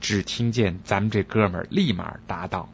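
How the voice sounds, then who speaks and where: A man telling jokes in a chatty, expressive storytelling style. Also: deep voice, normal speed, creaky, slightly rough, muffled recording. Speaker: joke teller, show host. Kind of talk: comic storytelling.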